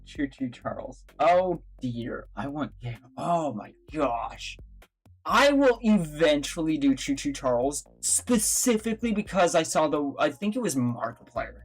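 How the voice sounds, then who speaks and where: A casual livestream host who rambles from thought to thought and giggles between sentences. The voice is breathy and sits at an ordinary middle pitch, with faint music playing underneath. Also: lively intonation. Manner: rambling, giggly, quick to apologize.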